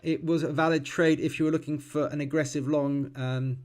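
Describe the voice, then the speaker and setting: A man in his forties talks through a live trading session at a desk mic, calm and explanatory. His voice sits a little high for a man, and he thinks aloud with many ums and quick self-corrections. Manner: calm, explanatory, teaching as he watches. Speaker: futures trader streaming live.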